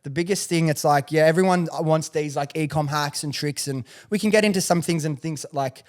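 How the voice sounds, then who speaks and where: Fast-talking Western Sydney man, higher-pitched. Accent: Western Sydney Australian. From Western Sydney, Australia. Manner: slangy, self-assured, says bro often. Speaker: podcast guest, entrepreneur. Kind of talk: casual podcast chat.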